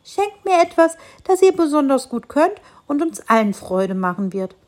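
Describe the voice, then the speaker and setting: A woman voicing a little fir tree, high and indignant. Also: moderate pace. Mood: kindly. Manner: exclaiming, lively indignant. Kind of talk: children's story reading.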